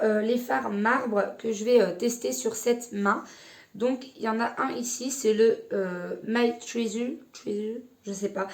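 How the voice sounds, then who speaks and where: Chatty woman reviewing makeup, slightly high voice. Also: a little mellow. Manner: hesitant, many fillers and restarts, chatty. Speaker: beauty vlogger. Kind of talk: casual makeup palette review.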